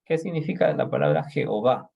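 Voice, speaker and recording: Teacher type: man leading a Bible class over a video call, gravelly and a little husky, with a lively voice that checks in with his students constantly. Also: fairly low pitch, a little fast, lo-fi sound. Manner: explanatory, often checks in with "¿no?" and "¿ok?".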